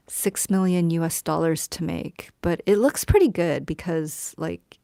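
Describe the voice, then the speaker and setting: A tired woman live streamer talks slowly and lazily, with a low, gravelly edge to her voice. She rambles to her chat in a soft, sometimes whispery way. The sound is dry and close, with no room around it. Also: dry recording. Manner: rambling, tired, yawning, chats with viewers.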